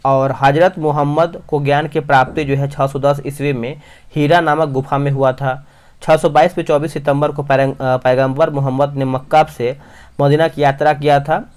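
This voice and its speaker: Young male tutor, slightly high voice, rushes through exam questions with many restarts. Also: fairly even intonation. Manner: rapid, frequent restarts, addresses viewers as friends. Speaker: quiz teacher. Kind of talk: fast exam-prep quiz reading.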